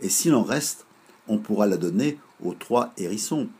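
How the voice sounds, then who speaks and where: A man voicing a bold, lively little girl in a storybook reading, calling out high and loud. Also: moderate pace, slightly rough. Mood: eager, excited. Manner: high, loud, excited cries.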